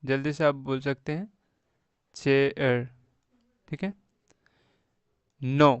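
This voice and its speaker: Slow, crisp male phonics teacher. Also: a little high, fairly even intonation, a bit bright, no echo. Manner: slow, spells words letter by letter and repeats "thik hai". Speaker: English teacher. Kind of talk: phonics lesson for beginners.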